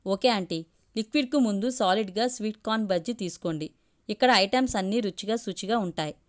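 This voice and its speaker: A woman's voice: medium pitch, natural voice. A woman reading the lines of a polite, watchful young man who takes charge, in a storybook reading. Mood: courteous. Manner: courteous, brisk and in control.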